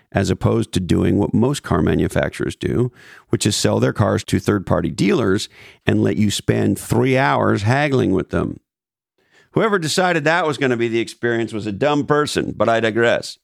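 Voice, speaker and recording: A man's voice: lowish voice, vocal fry, a little mellow, dry recording, clean studio sound. A man presenting scripted business commentary as a podcast host, with emphatic repetition and wry asides.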